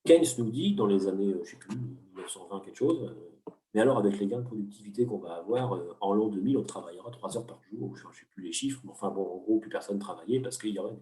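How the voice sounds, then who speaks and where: A fast-talking economics teacher with a dark, lowish voice gives an interview. He explains things patiently and didactically despite many hesitations and restarts, and the mic picks him up from afar in a roomy room.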